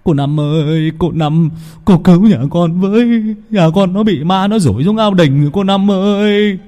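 A man's voice: medium pitch, huge pitch swings, quick pace, warm tone, breathy edge, in a large hall. A man voicing a hot-tempered middle-aged village father who curses and barks orders. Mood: wailing. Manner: coarse, cursing, bossy.

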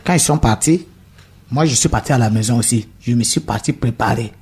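Homme burkinabé au timbre voilé. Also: male voice, mid-range voice, darkish tone, slightly rough. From Burkina Faso. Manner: halting, repeats words and restarts, acts out dialogue. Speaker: guest giving a conversion testimony. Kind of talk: storytelling testimony in an interview. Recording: radio studio.

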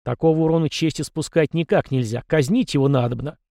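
A man's voice: a little high, a little fast, mellow, dry recording, studio quality, close to an everyday voice. A man reading an audiobook and voicing an arrogant, hot-tempered teenage prince who speaks haughtily and stubbornly. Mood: petulant. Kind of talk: audiobook character voice.

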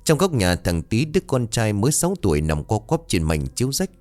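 A man narrating a scripted ghost story in a dramatic, expressive way. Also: fairly low pitch, fairly quick, faint music behind.

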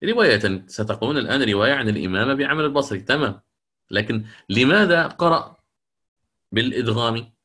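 Man, Quran recitation teacher, bright tone, asks and answers his own questions, slow chanted examples. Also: mid-range voice, animated. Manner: explains rules, then slowly chants the verses as examples; asks the class questions and answers them himself. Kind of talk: lecture on Quran readings.

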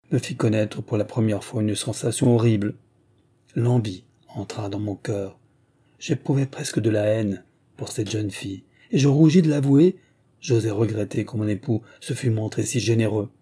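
Male audiobook reader, measured and emotive, soft husky tone. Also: medium pitch. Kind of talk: scripted narration of a classic novel.

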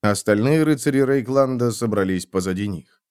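A man reading an audiobook in steady, scripted narration. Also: mid-range voice, moderate pace, clear, resonant tone, no echo, studio quality.

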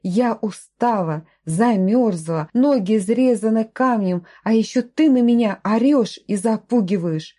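A woman's voice: fairly high pitch, unhurried, few pauses, mellow. A woman reading the lines of a frightened but defiant young woman who answers back sharply, in a storybook reading.

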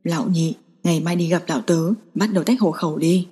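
A woman's voice: on the low side, fairly even intonation, brisk, mellow, slightly rough, long reverb tail, pitched below the performer's own voice. A woman doing a stern, cold old grandfather. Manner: cold, curt, commanding. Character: elderly stern grandfather, head of family.

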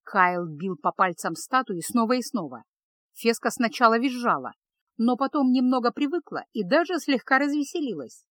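A woman narrating a fantasy story in a steady, measured reading voice. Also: fairly high pitch, dry recording. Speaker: audiobook narrator.

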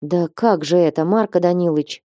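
A woman's voice: lowish voice, moderate pace, warm tone, dry recording, lightly acted. Anxious male trader begging for time, trembling, dry close read, voiced by a woman. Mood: pleading. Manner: pleading, trembling.

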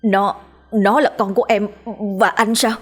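A woman's voice: medium pitch, fairly even intonation, a little slow, soft background music, lightly acted. A woman voicing a worried husband who pleads earnestly in a ghost story. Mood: pleading.

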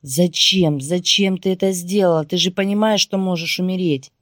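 A gruff young husband barks orders in a harsh, furious voice, as a woman reads him in a storybook. He stays loud and forceful throughout. The sound is dry and close, with no room around it. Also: low voice, normal speed, dry recording, natural voice.

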